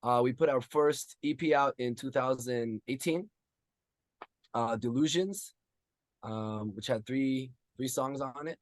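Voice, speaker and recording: A man's voice: mid-range voice, a little slow, no room sound. A man in his thirties from Israel, a guest musician answering interview questions in a rambling casual way with many ums.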